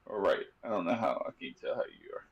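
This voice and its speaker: A man's voice: low voice, very animated, fast, slightly rough, dull audio. A man hosting a sports podcast in loose, joking casual chat, full of fillers and restarts. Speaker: podcast host.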